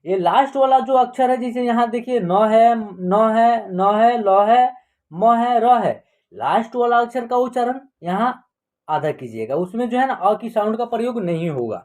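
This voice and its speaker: A man's voice: very high voice, animated, a little mellow. Patient male Hindi teacher. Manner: patient, repetitive, spells words out slowly. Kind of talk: Hindi reading lesson.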